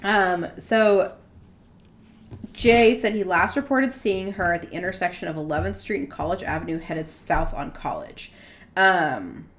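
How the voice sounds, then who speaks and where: A woman's voice: fairly low pitch, lively intonation, unhurried. A young woman co-hosting a podcast, chatting casually and with many fillers as she tells a true-crime story. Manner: chatty, acts out quotes in a loud drunk voice. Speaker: podcast co-host.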